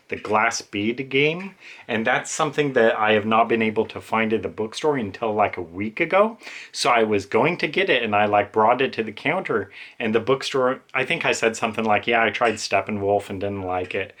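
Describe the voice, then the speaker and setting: A man's voice: medium pitch, fairly bright tone. A young man in a casual, rambling book haul vlog, hesitant and full of fillers. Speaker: book vlogger.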